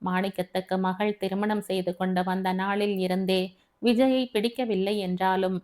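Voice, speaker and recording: A woman reading a family novel aloud as an audiobook narrator, in a steady, expressive storytelling manner. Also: mid-range voice.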